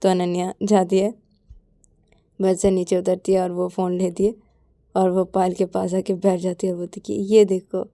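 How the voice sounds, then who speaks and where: A woman narrating a romance story in a plain, low tone. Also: flat delivery, normal speed, warm tone, no echo, studio quality.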